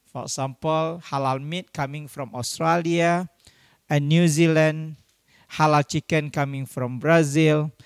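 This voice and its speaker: A man's voice: fairly high pitch, steady tone, smooth, dry recording, studio quality. A middle-aged man from Indonesia, giving an academic lecture as guest speaker and often tagging his points with "yeah". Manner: unhurried, tags points with "yeah".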